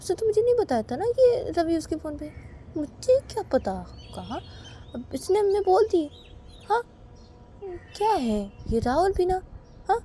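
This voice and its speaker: A woman voicing an indignant older sister in a home-made storybook tale, scolding with shrill questions. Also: big pitch swings, moderate pace, slight background noise. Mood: grumbling.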